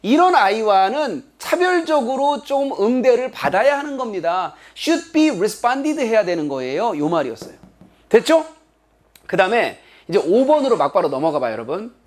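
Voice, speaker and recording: A middle-aged man teaching an exam-prep English lecture in a classroom. He talks in an animated way and acts out the lines he quotes. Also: sits high, normal speed.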